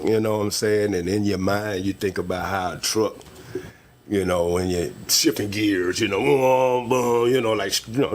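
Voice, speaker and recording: A middle-aged man from Mississippi with a Southern US accent, chatting casually in a folksy, rambling way as an interview guest. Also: on the low side. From Mississippi, United States. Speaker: truck driver, interview guest.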